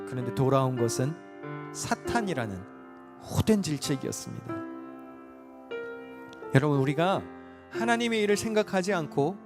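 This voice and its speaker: Man, pastor, sermon, fairly high voice, emphatic, long church reverb, faint music underneath. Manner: emphatic, swinging between loud stresses and hushed asides. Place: church sanctuary.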